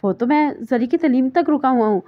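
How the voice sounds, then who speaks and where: A woman's voice: high-pitched, muffled recording, pitched above the performer's own voice. A woman reading a stern protective father. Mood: firm. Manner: calm but firm.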